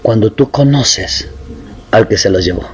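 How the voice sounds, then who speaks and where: A man preaching a sermon, swinging from low murmurs up to high shouted appeals and acting out the voices of doubting believers. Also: measured pace.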